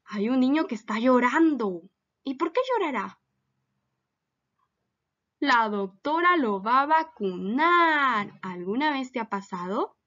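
A woman's voice: sits high, animated, slow pace, pauses often, fairly bright tone, muffled recording. A woman teacher giving a recorded lesson for children, patiently asking them many questions.

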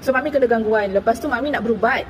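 A woman from Terengganu, Malaysia, telling viewers about a personal experience in a chatty, animated way with many fillers. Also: a little high, rapid-fire, lo-fi sound, a little hiss or hum. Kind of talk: casual storytelling to viewers.

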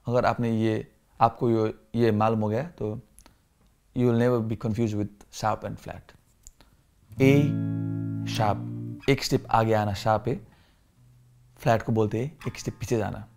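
A man's voice: on the low side, level tone, takes it slowly, vocal fry, long pauses, darkish tone. A man teaching a beginner guitar lesson, switching between Hindi and English, often repeating and correcting himself. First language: not Hindi. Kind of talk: casual lesson explanation.

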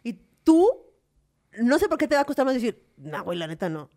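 A woman's voice: a little high, sing-song, brisk, darkish tone. A woman with a Mexican accent co-hosting a podcast in casual chat, laughing often and acting out quoted lines. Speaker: podcast co-host.

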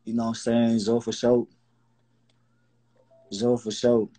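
A man's voice: medium pitch, level tone, measured pace, dark tone. Boastful man from Florida on a video call. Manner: boastful, repeats fillers. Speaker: aspiring rapper caller. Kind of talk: casual video-call chat.

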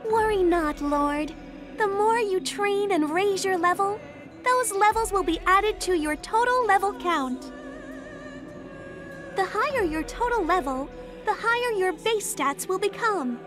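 A very high girlish angel, chirpy and devoted to her lord. She speaks formally and eagerly in video game style, with music softly behind her. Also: lively intonation, unhurried. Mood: earnest, polite. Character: polite, chirpy young girl angel serving her lord.

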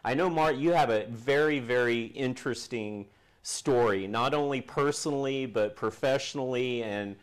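A man's voice: mid-range voice, normal speed, clean tone. A middle-aged man hosting a studio interview show, explaining at length with fillers, on a lapel mic. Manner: friendly, rambling explanations with fillers. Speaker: talk show host. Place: TV studio set, seated in armchair.

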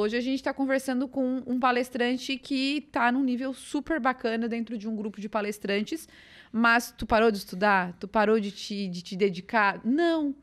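Female host, conversational, slightly high voice. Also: a bit bright. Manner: conversational, affirming and summarizing. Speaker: podcast host. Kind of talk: podcast interview.

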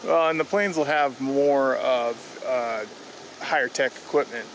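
With a phone held out at arm's length, a man in his thirties narrates a camping vlog outdoors at a forest campsite, faint ambient sound behind him. This travel vlogger has a medium-pitched voice and a casual, plain manner, pausing with hesitations.

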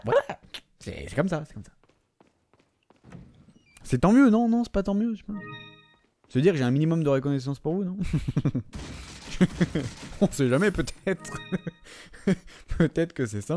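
A man's voice: mid-range voice, very animated, a little slow, pauses often, darkish tone, no room sound, soft background music. A young man with a French accent commentating his own gameplay, joking, swearing and talking to the viewers and to the game characters. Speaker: gaming commentator. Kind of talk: let's play commentary.

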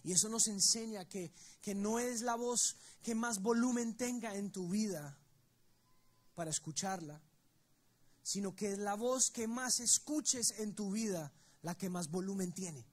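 A man's voice: high voice, a little slow, husky. A man preaching a sermon to his church, telling the story with emphasis and speaking straight to the congregation. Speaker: pastor. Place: church service.

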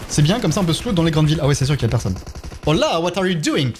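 Lively French-accented male streamer. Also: on the high side, racing, a little hiss or hum. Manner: chatty, thanks viewers one by one while playing. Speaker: game streamer. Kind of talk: casual live-stream chat.

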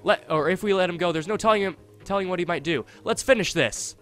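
A young man giving casual gameplay commentary, chatty and thinking aloud, with excitable reactions. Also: high voice, quick pace, faint music behind. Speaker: let's play host. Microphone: desktop USB condenser mic.

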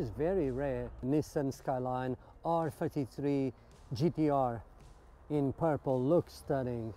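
A man's voice: fairly high pitch, warm tone. A man giving casual, enthusiastic walkaround commentary in an outdoor car park, admiring things and asking his viewers questions. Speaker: vlogger touring a car meet.

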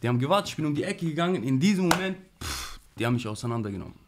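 A man's voice: a little high, very fast, background noise. Slangy young man telling street stories. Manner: animated, slangy, frequent "Bruder" and "weißt du". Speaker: interview guest. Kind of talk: casual street-slang storytelling.

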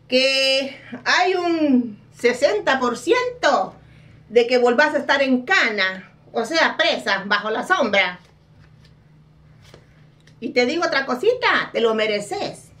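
A woman's voice: high voice, a bit bright, far from the mic, heavily acted. A woman playing a brash female psychic who scolds and mocks in a dramatic comic card reading. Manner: scolding, dramatic, laughs at her own jabs.

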